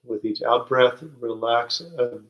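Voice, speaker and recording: A man with a medium-pitched voice leads a guided spiritual meditation. He speaks gently, pausing at length and restarting softly and haltingly.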